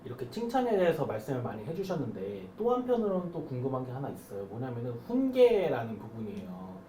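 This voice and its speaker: A man's voice: mid-range voice, huge pitch swings, fast, mellow. Distant, roomy-sounding male interviewer. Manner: prompting, summarizing the guest's points. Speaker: interviewer host. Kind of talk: interview questions. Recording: roomy, distant mic with faint noise.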